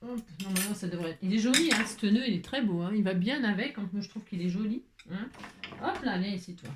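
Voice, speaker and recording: A woman's voice: mid-range voice, fast, reverberant, noisy background. A woman hosting a crafting tutorial, chatting and thinking aloud as she works, often saying "hein" and "voilà". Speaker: craft video host.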